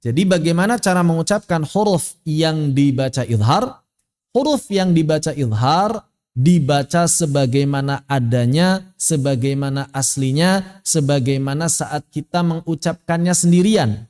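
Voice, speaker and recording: A man teaching Quran recitation in an online lesson, explaining slowly and chanting drawn-out example words. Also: a little high, animated, darkish tone, big-room sound.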